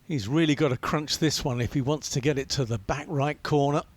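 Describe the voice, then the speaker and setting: Golf commentator, male, mid-pitched, chatty and analytical, fond of rhetorical questions. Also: a little fast, slightly rough.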